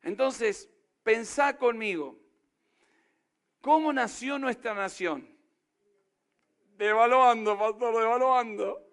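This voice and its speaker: Emphatic Argentine pastor, high voice. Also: male voice. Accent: Argentine Spanish. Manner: emphatic, peppers talk with rhetorical questions to the crowd. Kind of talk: sermon to a congregation.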